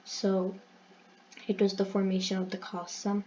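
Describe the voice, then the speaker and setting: A woman's voice: medium pitch, completely flat delivery, unhurried, warm tone, a little hiss or hum. Woman, channel host, religious story retelling, earnest, explanatory, self-correcting, muffled lo-fi sound.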